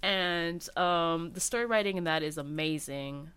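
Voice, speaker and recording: A woman's voice: on the low side, measured pace, fairly bright tone, smooth. A woman in casual chat about favorite video games, rambling with many fillers and restarts. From Cantonese family background.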